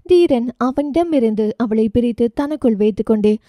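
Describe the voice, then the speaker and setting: A woman's voice: a little high, lively intonation, normal speed, mellow, no echo, clean studio sound. A woman with a Tamil accent reading a romance audio novel aloud, with emotive storytelling.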